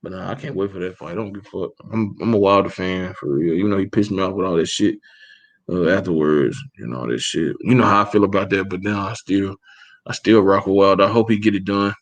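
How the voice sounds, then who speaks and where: A man co-hosting a casual boxing chat, profane and animated, acting out quotes as he tells stories. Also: deep voice, quick pace. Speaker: podcast co-host.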